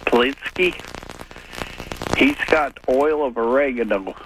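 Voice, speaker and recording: American guy calling into radio, casual, average pitch, bit of noise on the line. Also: takes it slowly. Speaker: radio show caller. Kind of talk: casual chat. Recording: noisy call to radio show.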